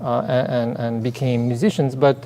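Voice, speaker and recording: A man's voice: medium pitch, flat delivery, moderate pace, dark tone, slight background noise. A man co-hosting a casual chat show, hesitant and full of fillers and restarts. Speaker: co-host. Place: theater stage. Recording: long reverb of a theater hall.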